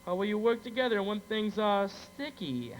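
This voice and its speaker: A school stage actor as Howard, a flustered studio boss who barks orders during a crisis. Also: male voice, high voice, sing-song, normal speed. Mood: strained. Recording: echoey auditorium, faint noise.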